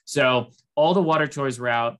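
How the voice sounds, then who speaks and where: Male co-host, mid pitch, loose rambling recap delivery. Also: normal speed. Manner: rambling, filler-heavy, animated when quoting. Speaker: podcast co-host. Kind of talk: casual chat recapping a reality show.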